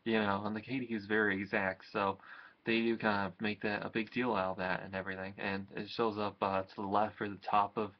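A man's voice: on the low side, level tone, brisk, muffled recording. A man casually rambling through a gaming tip video, restarting sentences and chuckling between thoughts. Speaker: gaming vlogger.

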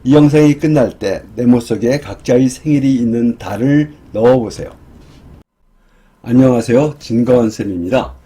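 A male teacher explaining English month names to beginners, saying each word slowly and clearly for students to repeat. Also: medium pitch, mellow. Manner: drills English words slowly, one at a time. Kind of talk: slow, careful teaching for beginners.

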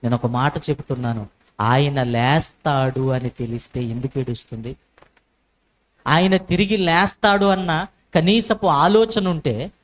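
Male preacher, fairly high voice, emphatic sermon delivery, repeats lines for weight. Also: low-quality recording. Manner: emphatic, repetitive rhetorical questions.

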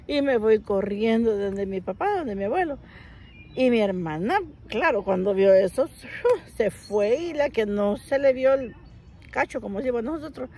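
A woman vlogger tells a story straight to her viewers in an animated, chatty way, often breaking into laughter. Her voice sits a bit high, and she talks to the listener with polite, formal address. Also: measured pace, breathy edge. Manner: frequent laughter while telling the story. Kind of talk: casual storytelling to camera.

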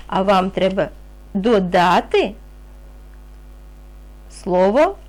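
Slow, lively-pitched woman teaching young readers. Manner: slow, patient, encouraging, asks questions and answers them herself. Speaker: primary school teacher. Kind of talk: reading lesson for young children.

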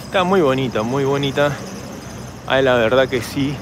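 A man with a Peruvian Spanish accent, hoarse from shouting, chatting casually to his handheld camera as he walks through a city park at night. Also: medium pitch, moderate pace, noisy background. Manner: chatty, rambling, talks straight to camera while walking. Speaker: travel vlogger. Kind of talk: casual walking vlog.

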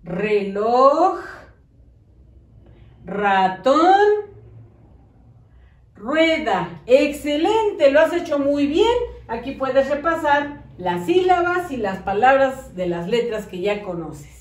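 Speaking in a high, animated voice with a Mexican Spanish accent, a woman teaches young children to read and write in a slow, patient primary school lesson. She dictates words slowly and clearly, offering gentle praise and encouragement, recorded in an echoey room somewhat far from the microphone.

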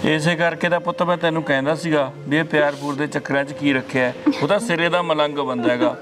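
An actor with a Punjabi accent playing an older village father who scolds his daughter and then gently comforts her. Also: on the high side, fairly even intonation, fast, natural voice. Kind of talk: rural short film acting.

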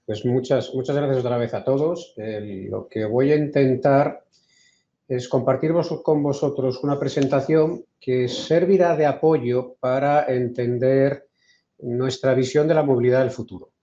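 A man from Spain with a Peninsular Spanish accent, giving an online lecture in a measured way, often restarting his sentences. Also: mid-range voice, fairly even intonation, dark tone. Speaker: invited speaker. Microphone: video call. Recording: roomy, dull video call audio.

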